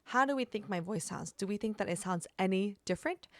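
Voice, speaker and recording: A woman's voice: mid-range voice, expressive, fairly quick, no echo. A young woman, a streamer, chatting through a casual product review with lots of fillers and an upbeat manner. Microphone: desk microphone.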